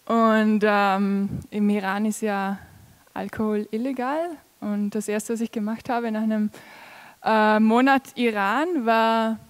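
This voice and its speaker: A woman's voice: medium pitch, level tone, slow pace, clean tone. A woman giving a casual conference talk about her illustrations, with many fillers. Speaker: speaker presenting her illustrations. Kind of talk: conference presentation.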